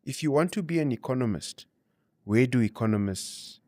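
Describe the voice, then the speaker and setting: A man's voice: mid-range voice, lively intonation, normal speed, warm tone, dry recording, clean studio sound. A man giving advice and telling stories as an interview guest, explaining his points with frequent 'you know' and 'you see'. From Namibia. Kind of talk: conversational interview advice and storytelling.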